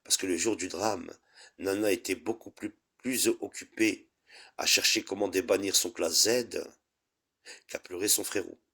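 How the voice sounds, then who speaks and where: A man's voice: low voice, steady tone, measured pace, gravelly, sharp tone, breathy edge. Taunting man ranting. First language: Arabic. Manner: taunting, insulting, combative. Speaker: live stream host. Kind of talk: heated live-stream rant.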